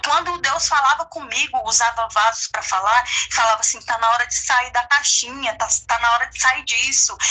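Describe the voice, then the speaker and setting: A woman's voice: sits high, bright, forceful tone. A woman gospel singer giving a casual testimony in an interview, chatty and laughing, with lots of fillers. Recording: tinny phone-line audio.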